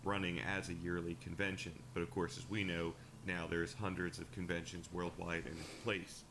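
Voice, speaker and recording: A man giving steady, scripted documentary narration about a fan community's history, played back from a video. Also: deep voice, normal speed, background noise. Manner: steady, informative storytelling.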